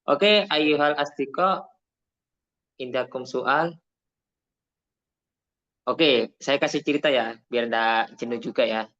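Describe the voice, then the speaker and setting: A man's voice: mid-range voice, takes it slowly, pauses often, fairly bright tone. A man talks casually while teaching Arabic and drifts into personal stories. He drops Arabic phrases into his speech. The recording sounds dull and lo-fi. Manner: chatty, tells personal anecdotes, mixes in Arabic phrases.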